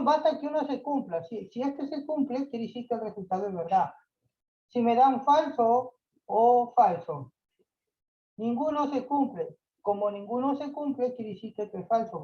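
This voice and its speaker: A man's voice: extremely high pitch, dull audio. A man teaching a math class online, explaining patiently, repeating points and checking that students follow.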